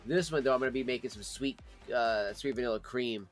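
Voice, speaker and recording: A man's voice: medium pitch, a little fast. Casual, rambling man livestreaming over music. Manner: informal, rambling, addresses chat as friends. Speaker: livestream host reviewing pipe tobacco.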